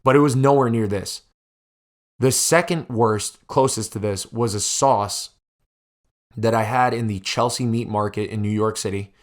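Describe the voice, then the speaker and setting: A man's voice: fairly low pitch, unhurried. A young man hosting a podcast, telling a personal story casually to listeners, with heavy swearing and vivid exaggeration. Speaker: podcast host.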